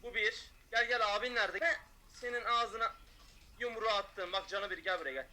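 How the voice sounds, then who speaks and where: Brief: male streamer, loud mocking trash talk over gameplay, high and sharp-edged. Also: normal speed. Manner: loud, taunting, mocking shouts. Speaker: gaming streamer. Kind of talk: excited gameplay commentary.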